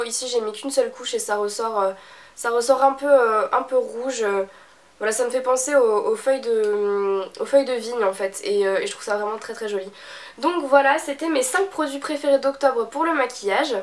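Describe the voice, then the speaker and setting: A young woman from France, a beauty vlogger with a stuffy nose, chatting casually with many fillers and restarts. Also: fairly high pitch. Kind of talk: casual chat.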